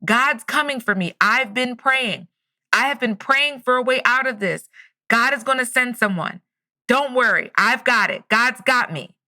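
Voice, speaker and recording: A stubborn man stuck on a flooded roof, put on by a woman telling a story. His voice is high and bright. He refuses every offer with repeated, insistent lines. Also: animated, fairly quick, dry recording, studio quality, full character voice.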